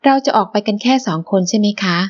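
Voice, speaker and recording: A woman's voice: medium pitch, animated, fast talker, darkish tone, muffled recording, lightly acted. A woman reading an audiobook, voicing a petulant, jealous young woman. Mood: pouty. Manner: petulant, pouty.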